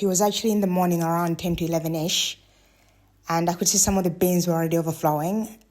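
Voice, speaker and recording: Low-voiced woman narrating a travel vlog. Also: a little mellow. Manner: chatty and candid, openly unsure of pronunciations. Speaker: travel vlogger. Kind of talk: casual voice-over narration.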